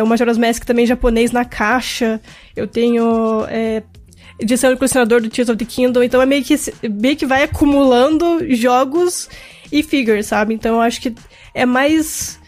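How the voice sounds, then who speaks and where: A woman chatting casually on a podcast, relaxed and self-deprecating. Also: fairly high pitch. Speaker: podcast guest. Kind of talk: casual chat.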